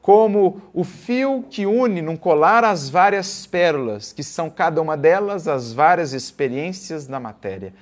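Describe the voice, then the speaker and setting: A man's voice: a little high, lively intonation, measured pace, hardly any pauses. A man giving an earnest religious lecture, reading a text aloud and explaining it line by line. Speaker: spiritist lecturer.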